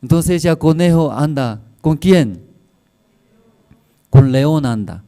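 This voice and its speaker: A man's voice: fairly high pitch, animated, slow, mellow. A male pastor preaching a sermon in simple, broken phrasing, checking in with the congregation constantly with tag questions.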